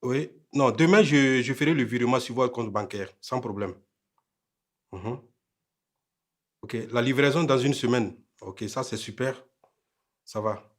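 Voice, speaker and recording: A man acting out an arrogant husband grown rich, his husky Burkinabè French voice unhurried and dismissive. He drawls his lines with a slow, lazy pace. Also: medium pitch, natural voice. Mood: polite. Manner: curt and scornful at home, polite on phone.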